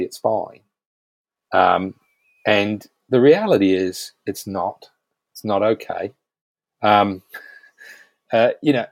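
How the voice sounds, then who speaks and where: Kiwi guy chatting on a podcast, lowish voice, dry close sound, blunt and swears a bit. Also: darkish tone, dry recording. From New Zealand. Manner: frank, emphatic, swears casually. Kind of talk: casual conversational podcast chat.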